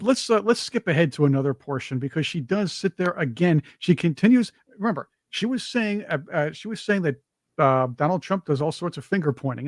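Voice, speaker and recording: A man hosts a political reaction show, cutting in and restarting his sentences. His voice sits a little high for a man. The sound is dry and close, with almost no room around it. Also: no echo. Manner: interrupting, laughing, halting fillers. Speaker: show host. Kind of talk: reaction commentary.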